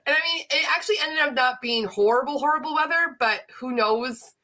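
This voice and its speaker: Bright chatty woman with a stuffy voice. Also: sits high, fairly quick. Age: 30s. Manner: chatty, rambling, with frequent fillers. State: stuffy and congested from illness. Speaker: host. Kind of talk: casual livestream chat.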